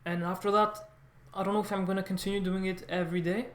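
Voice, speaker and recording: Rambling and halting, a vlogger whose first language is French talks off the cuff to viewers, restarting phrases, repeating words and correcting himself often. His voice sits high, slightly bright and level, and the recording carries a clear room echo. He's a language learner.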